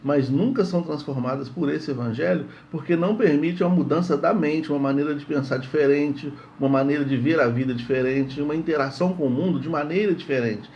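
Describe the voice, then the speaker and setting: Man preaching in a relaxed, conversational way. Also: a little high, a little fast, few pauses, highs cut off, a little hiss or hum. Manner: conversational, repeats words, asks "entende?". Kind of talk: morning devotional sermon.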